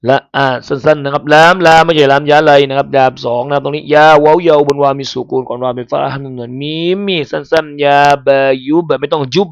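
A man with a Thai accent teaching Quran recitation, chanting letters slowly in a melody and explaining pronunciation in a lesson. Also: fairly high pitch, little pitch movement, gravelly, smooth, dry recording. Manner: slow melodic spelling chant, then brisk explanation. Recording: dull lo-fi sound.

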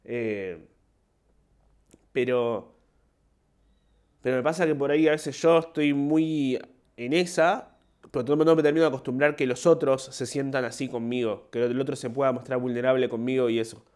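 A young man with an Argentine Spanish accent, a comedian and podcast host, tells stories in a rambling, self-mocking casual monologue, acting out short quoted voices. His mid-range voice is smooth and darkish, at a normal speed with frequent pauses.

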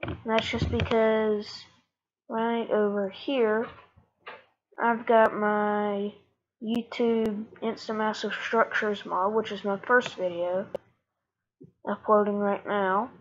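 A gaming YouTuber chats loosely through a Minecraft let's-play, correcting herself along the way as her voice gives out. Her medium-pitched delivery is flat and slow. A dull lo-fi mic picks up noticeable background noise.

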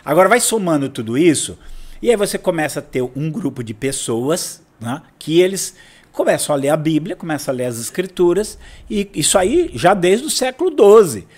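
A Brazilian man with a Brazilian Portuguese accent talks through church history in a relaxed, conversational way. He is lively and acts out quotes, often stumbling and restarting. His voice sits a little high. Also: moderate pace, husky. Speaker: guest teacher of church history. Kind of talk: casual conversational teaching.

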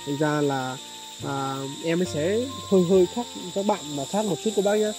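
Man hosting a village charity vlog outdoors, courteous and chatty, soft music underneath. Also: sits high, normal speed, low-quality recording. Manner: polite, addresses viewers often, many fillers. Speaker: charity vlogger. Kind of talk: vlog narration and chat on location.

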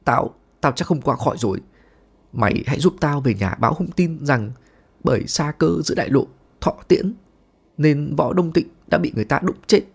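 A man voicing a brash, hot-headed young man who talks loud and theatrical, whining and hamming it up. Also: on the high side, lively intonation, quick pace, pitched above the performer's own voice. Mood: mock dying.

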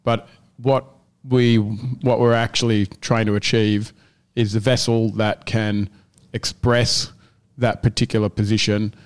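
This gym owner and podcast co-host has a smooth, lowish voice, a level tone and a slightly slow pace. On their casual gym podcast, he rambles and frequently starts over while searching for words.

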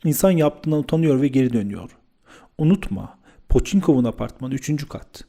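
A blunt, hot-tempered young man scolds and insists, as a man reads him in an audiobook. His voice stays mellow and warm even when raised. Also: mid-range voice, fairly quick, vocal fry. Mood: impatient.

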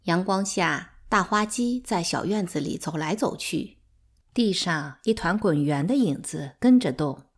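A woman narrating a novel as an audiobook reader, in measured, expressive storytelling. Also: lowish voice.

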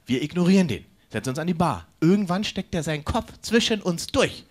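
A man doing a stand-up routine on stage, brash and mocking, with quick asides to the crowd. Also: on the high side, big pitch swings, darkish tone. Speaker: stand-up comedian. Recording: live stage with faint background noise.

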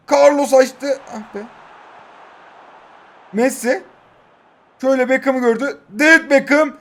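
A man's voice: high-pitched, a little mellow. A young man in his twenties commenting on his own football video game matches, joking, cheering his goals and talking to his players and viewers. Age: 20s. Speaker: mobile football game YouTuber. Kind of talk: excited gameplay commentary.

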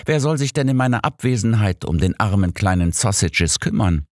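A man's voice: fairly low pitch, expressive, normal speed, a little mellow, no echo, clean studio sound, voice pushed up, natural voice. A man voicing a stubborn, easily offended older doctor who sulks and protests. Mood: indignant. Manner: indignant, sulky. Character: stubborn, touchy older male doctor companion.

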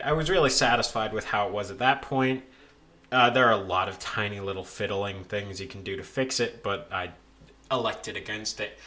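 A young man casually talking through how he edits recordings of his own singing, relaxed and with frequent restarts. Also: mid-range voice. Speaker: video creator explaining vocal editing. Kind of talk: casual voice-over tutorial.

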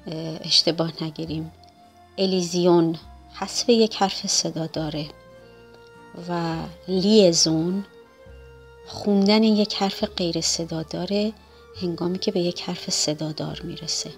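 Woman teacher going over french verbs slow then translating, bit of fry in her voice, soft music under it. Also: on the low side. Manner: explains step by step, reading French words slowly then translating. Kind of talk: recorded language lesson.

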